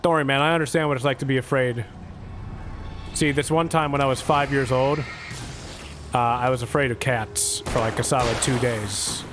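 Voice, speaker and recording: Music plays in the background as a young adult man streams gameplay live, rambling with sarcastic, profanity-laced jokes. His mid-range voice stays steady at a moderate pace.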